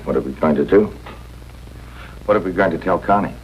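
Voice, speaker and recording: An actor playing a concerned, sober doctor in a 1950s TV broadcast drama. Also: male voice, deep voice, a little fast, lightly acted. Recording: muffled, noisy old TV soundtrack.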